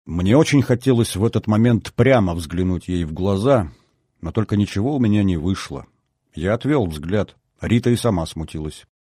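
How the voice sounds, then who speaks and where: Male audiobook narrator, low voice, wry even delivery, dry close recording. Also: normal speed, slightly rough, dry recording. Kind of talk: first-person novel narration.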